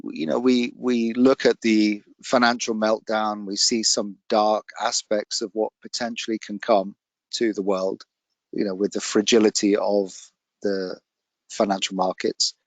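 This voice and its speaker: A man with a lowish voice tells travel stories in an earnest, reflective way. His voice comes through a video call and sounds dry, with no room around it. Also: flat delivery, measured pace, no room sound. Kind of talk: casual chat.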